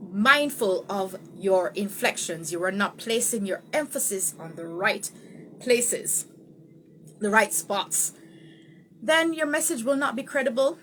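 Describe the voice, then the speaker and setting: A woman teaching a live online speech tutorial, greeting viewers and swooping her pitch up and down to show emphasis. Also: sharp tone, slight background noise. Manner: greets viewers by name, laughs easily. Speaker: speech coach.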